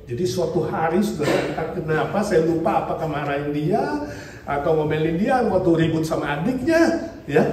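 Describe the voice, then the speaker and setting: A middle-aged man preaches with a fairly high voice, alternating loud emphatic lines with hushed low ones. He poses questions to his congregation and answers them himself. The sound is very echoey and distant, with faint room noise behind. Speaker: pastor. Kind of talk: sermon. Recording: very echoey hall, heard from a distance.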